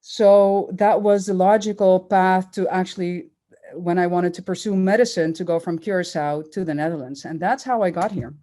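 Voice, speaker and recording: A woman who grew up in Curaçao, speaking as an oncologist guest in a podcast interview, measured and thoughtful with many fillers. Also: lowish voice, steady tone, dark tone.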